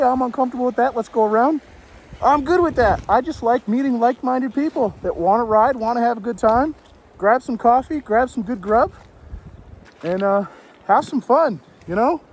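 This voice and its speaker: A man's voice: very high-pitched, normal speed. A man in his thirties riding a motorcycle on trails, vlogging in a laid-back, rambling way, winded from a cold. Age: 30s. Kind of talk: casual vlog narration while riding. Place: outdoors on wooded trails. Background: motorcycle engine, outdoor ambience.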